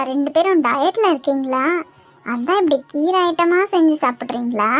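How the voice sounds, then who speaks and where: A woman doing a fussy, stubborn mother-in-law. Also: high voice. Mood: teasing. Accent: Kanyakumari Tamil. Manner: whiny, protesting, dramatic. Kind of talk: cartoon voice acting.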